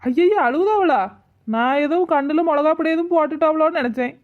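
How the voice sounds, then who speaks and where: A woman's voice: high-pitched, a little fast, muffled recording, lightly acted. A woman voicing a cheeky, lazy young wife, always hungry and talking back. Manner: cheeky, talks to herself, sweetly impudent. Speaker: lead character. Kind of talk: cartoon comedy voice acting.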